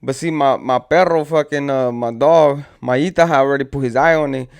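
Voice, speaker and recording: A man with a mid-range voice speaks at a normal speed, recounting a story from his own past. He uses casual street slang and rambles, acting out the lines his friends said along the way.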